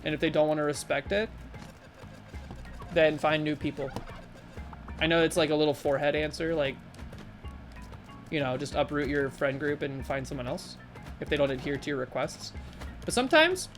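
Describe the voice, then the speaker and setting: Chatty streamer woman with bouncy pitch. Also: moderate pace, long pauses, soft background music. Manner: chatty and rambling, with frequent fillers; animated, with sudden jumps in pitch. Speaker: live streamer. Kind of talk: casual live-stream chat while gaming and reading chat.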